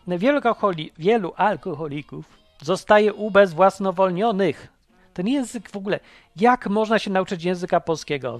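A man with a high voice rants sarcastically on a livestream and mocks whatever comes up. His voice sits close and dry on the mic. Faint music plays underneath. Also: dry recording. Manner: sarcastic, mocking, acts out voices. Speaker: livestream host taking calls. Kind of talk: casual ranting chat.

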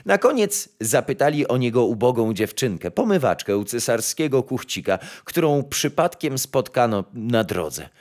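A man narrating a fairy tale in an expressive storytelling manner. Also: medium pitch, normal speed, hardly any pauses.

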